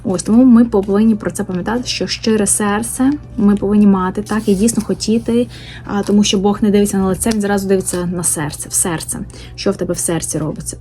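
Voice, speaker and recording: A woman's voice: medium pitch, steady tone, warm tone. Hesitant woman teaching a Bible study. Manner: hesitant, many fillers and tag questions; reads scripture verses aloud slowly. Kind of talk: informal Bible study talk.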